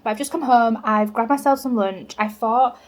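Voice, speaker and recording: A woman's voice: on the high side, normal speed. A young woman chatting casually in a vlog, filling her talk with "like". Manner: chatty, says "like" a lot. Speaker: vlogger.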